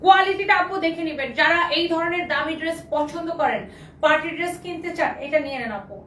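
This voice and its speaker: A high-pitched, hoarse woman from Bangladesh runs a live sales stream, coaxing buyers and saying the same things over and over. She stands a little back from the mic in a roomy shop with faint noise behind her. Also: fast, a bit bright. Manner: repetitive, coaxing, mixes English phrases. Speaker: online clothing seller. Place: clothing shop. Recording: roomy, slightly distant, faint background noise.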